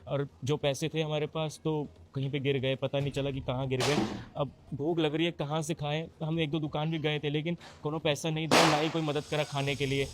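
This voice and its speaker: A man's voice: fairly high pitch, flat delivery, fairly quick, very noisy, close to an everyday voice. A man playing a humble, pleading village youth. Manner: humble, pleading, rustic speech. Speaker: runaway husband from a village. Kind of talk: scripted short drama.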